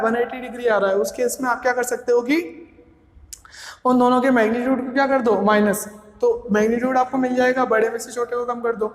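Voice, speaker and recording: A man teaching physics in a lecture, working step by step and answering his own questions. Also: very high voice. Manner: asks questions and answers them himself; repetitive, step-by-step explaining. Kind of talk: classroom lecture. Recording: echoey room with long reverb.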